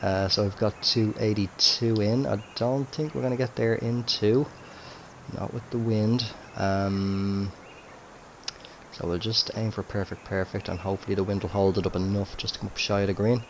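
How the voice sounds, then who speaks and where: At home in a room with a TV and console, a man chats casually into a gaming headset while commentating on a game. His fairly low voice is a bit throaty from a cold, his intonation fairly even and his pace moderate, and he's easygoing and full of fillers. There's slight background noise.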